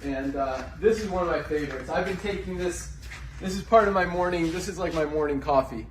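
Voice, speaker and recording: A man with a fairly high voice gives an informal, sales-minded tour. He is recorded in a very echoey indoor space with faint noise around him. He talks like an owner casually showing off the stock. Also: fairly quick. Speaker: company owner, presenter. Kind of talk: casual promotional tour talk. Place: indoor warehouse. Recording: echoey, noisy room, distant mic.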